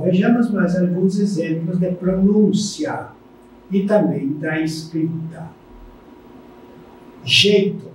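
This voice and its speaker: An older man teaching a language lesson in a slow, deliberate way that often ends with a questioning "né?". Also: fairly high pitch, mellow, a little hiss or hum. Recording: echoey room, voice far from the mic.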